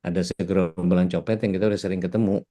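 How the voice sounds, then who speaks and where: A man's voice: low-pitched, fast. A man, an Islamic preacher, talking casually and animatedly, acting out little scenes and mixing in English words. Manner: animated, acts out little scenes while explaining. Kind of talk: casual religious discussion.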